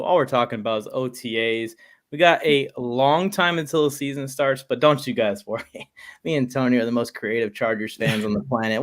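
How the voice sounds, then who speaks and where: A man co-hosting a live sports fan show, signing off in a relaxed, friendly way. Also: on the high side. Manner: relaxed, friendly sign-off banter. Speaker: podcast co-host. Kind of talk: casual live-stream sports chat.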